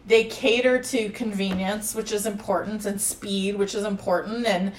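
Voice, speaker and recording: A woman's voice: medium pitch, steady tone, moderate pace, recorded from a distance, slight background noise. A woman in casual chat, talking earnestly and asking rhetorical questions. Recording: roomy, off-mic.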